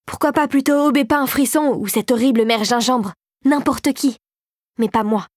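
A woman's voice: normal speed, no room sound, studio quality, natural voice. Woman voicing a spiteful sugar plum fairy. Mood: peevish. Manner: peevish, scheming, by turns shrill and hushed.

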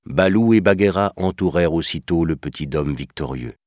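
A man narrating a children's storybook in a measured, expressive reading. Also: low-pitched, no room sound, studio quality.

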